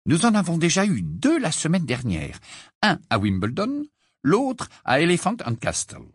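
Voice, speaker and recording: Man voicing excitable wizard father, high lively voice, stammering, hurried, audiobook. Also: slightly rough, dry recording, clean studio sound, heavily acted. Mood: flustered. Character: excitable kindly middle-aged male wizard.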